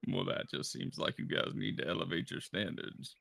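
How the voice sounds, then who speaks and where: A man's voice: sits low, moderate pace, gravelly, fairly bright tone, no room sound. A man playing in a tabletop game, chatting casually, rambling and stammering. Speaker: player.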